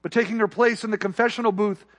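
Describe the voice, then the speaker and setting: A man with a notably high voice preaches a sermon to his congregation. He builds to emphatic high points, then drops into quiet, soft asides. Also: steady tone, fast. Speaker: pastor.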